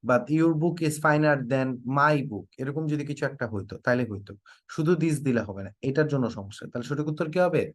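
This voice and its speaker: Male English teacher from Bangladesh, online class lecture, mid pitch, quizzes students, playful mock threats. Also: expressive, a little fast, no echo, studio quality. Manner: quizzing students, repeats prompts to type answers.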